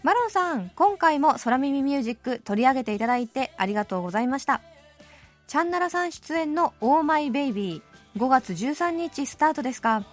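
A woman in her late thirties hosting a radio show, reading listener letters and answering them in a cheerful, animated chat. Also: sits high, fairly quick, soft background music. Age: late 30s. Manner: cheerful, animated, laughing often. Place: radio studio.

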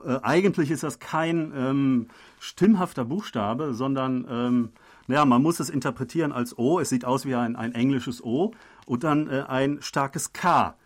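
A man co-hosting a radio program, explaining in conversation and often pausing on filler sounds. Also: medium pitch. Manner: hesitant, many filler sounds.

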